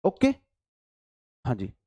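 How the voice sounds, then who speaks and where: A man's voice: takes it slowly, warm tone, no echo, clean studio sound. A man with a Hindi accent teaching an online English class, chatty and teasing his students. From India.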